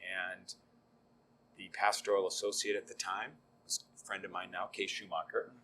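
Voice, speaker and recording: Low-voiced with little pitch movement, this middle-aged deacon speaks at normal speed in a pushed, bright tone, with a little hiss or hum on the recording. As a guest he tells his faith testimony in a relaxed, self-deprecating way, full of ums.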